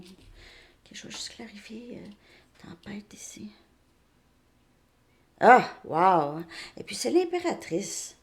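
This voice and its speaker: At home outside the Montreal suburbs, a tarot reader with a Québécois French accent chats through a reading, often checking in with "ok?" and frequently restarting her sentences. Her voice is medium-pitched and creaky.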